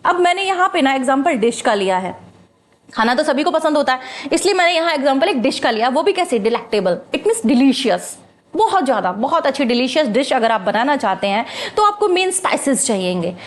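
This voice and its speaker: Woman, high pitch, patient literature teacher, mixes Hindi and English, explains with everyday examples. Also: big pitch swings, a little fast.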